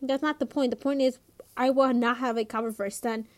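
A woman voicing a stern middle-aged father who scolds his son in measured words, in a storybook reading. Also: a little high, fairly even intonation, lightly acted. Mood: scolding.

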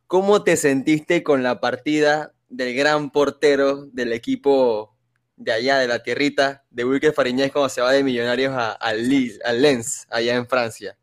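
A man's voice: medium pitch, steady tone, moderate pace. A man co-hosting a sports podcast, chatting casually and asking curious questions.

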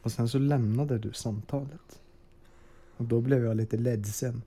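A man with a very dark, mellow timbre and a husky edge speaks in a pompous, solemn storyteller tone. He sounds like a podcast host hamming up a dramatic reading. His voice comes through a video call. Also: mid-range voice, fairly even intonation. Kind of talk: mock-dramatic reading, then casual chat.

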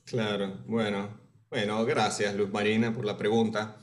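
A man's voice: on the low side, flat delivery, a little slow, echoey room. A Venezuelan man, a writer, answering interview questions thoughtfully with many hesitations and tag questions. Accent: Venezuelan Spanish with Argentine touches. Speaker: writer guest.

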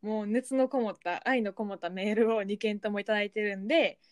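A woman's voice: medium pitch, steady tone, brisk, dry recording, clean studio sound. A woman with a Kansai accent co-hosting a podcast, chatting casually and reading out listener mail. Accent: Kansai Japanese. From Kansai, Japan. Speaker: podcast co-host.

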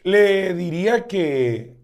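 A man's voice: high-pitched, animated, drawn-out words, darkish tone. A man with a Mexican accent in a casual beer-tasting chat, teasing the others in slangy banter.

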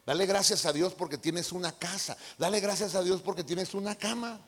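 Pastor que predica animado e interpela al público, sala de iglesia reverberante. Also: male voice, high-pitched, a little fast. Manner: playful, addresses the congregation directly. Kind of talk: lively sermon with acted-out impressions. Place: church hall.

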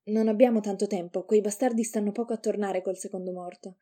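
A woman's voice: mid-range voice, fairly even intonation, fast, mellow, lightly acted. A woman voicing a brash, cocky young man who leads his friend, in a read-aloud story. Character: rough young man, cocky, bold ringleader.

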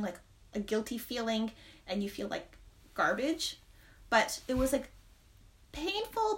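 A woman in her thirties with a slightly high voice, co-hosting a podcast. She chats casually about faith, rambling and circling back on her thoughts, and often breaks into a laugh. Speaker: podcast co-host.

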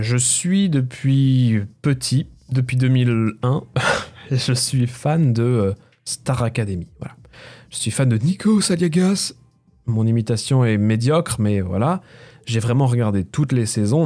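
A man's voice: medium pitch, unhurried, warm tone, soft background music. A man in his thirties hosting a casual solo podcast, rambling and self-mocking with lots of fillers, close to a mic with a pop filter. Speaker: podcast host. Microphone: close microphone with pop filter.

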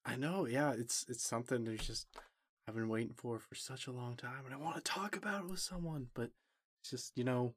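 A man's voice: medium pitch, fairly quick, slightly rough, dry recording. A man in an improvised comedy murder mystery, talking in a distracted, offhand way. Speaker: improv player. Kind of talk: improvised comedy role-play.

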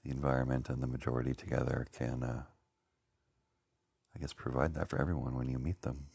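A man musing slowly and haltingly, searching for words with many pauses and fillers. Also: very deep voice, flat delivery, gravelly, a little mellow, breathy edge, dry recording, clean studio sound. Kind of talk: rambling reflective talk.

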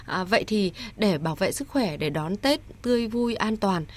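Female radio host with medium pitch. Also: animated, normal speed, a little mellow. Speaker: radio health programme host. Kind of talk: interview hosting, polite formal.

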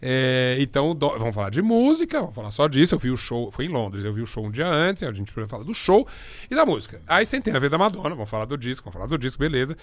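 A middle-aged Brazilian man, a journalist, telling anecdotes in conversation, animated and laughing often as he acts out the voices he quotes. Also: medium pitch, fast, no room sound.

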